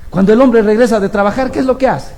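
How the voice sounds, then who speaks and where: A man's voice: sits high, fast talker, a little mellow. A man preaching a sermon, telling stories animatedly, acting out the people he quotes and putting rhetorical questions to the congregation. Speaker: lay preacher.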